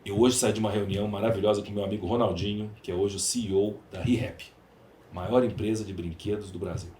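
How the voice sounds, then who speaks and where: Speaking quickly in a dark, low voice with a steady tone, a Brazilian man guests on a podcast as an entrepreneur. He's conversational and emphatic, telling stories, giving opinions, and repeating phrases for effect. There's slight background noise and an echoey, roomy sound.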